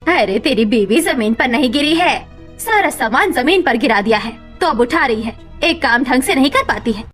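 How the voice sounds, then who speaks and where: A woman's voice: high voice, lively intonation, normal speed, a bit bright, soft background music. A woman voicing a cruel old village mother-in-law in a cartoon story, harsh and taunting. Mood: harsh scolding.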